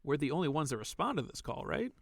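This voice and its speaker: A man's voice: on the high side, big pitch swings, fast, vocal fry, dry recording, studio quality, exaggerated voice. A man playing a conscientious, cautious and inquisitive salvage worker in a science fiction audio drama. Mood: uneasy.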